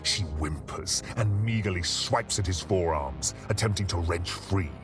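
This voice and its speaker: A man's voice: low voice, a little slow. A man reading scripted, dramatic narration as the narrator of a game. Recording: music behind the voice.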